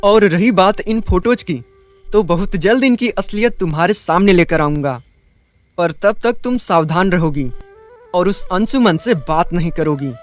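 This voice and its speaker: Man voicing a protective young husband for an audio drama, high voice, earnest and quick to anger. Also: faint music behind, lightly acted. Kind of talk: Hindi audio drama acting.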